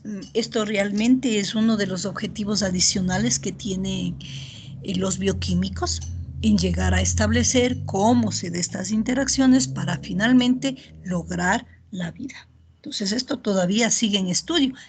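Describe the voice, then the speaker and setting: Woman lecturer, middle-aged, slightly breathy voice, patient online-class delivery. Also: mid-range voice. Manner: checks in often with "¿ya?" and "¿verdad?"; steady explanatory pace with filler pauses. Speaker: university lecturer.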